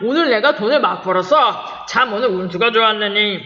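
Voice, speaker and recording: A woman voicing a drunk, boastful male rickshaw puller who shouts coarsely, in a dull, echoey recording. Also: mid-range voice, animated, brisk, slight background noise. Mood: drunk, rowdy. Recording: dull-toned echoey recording with long reverb.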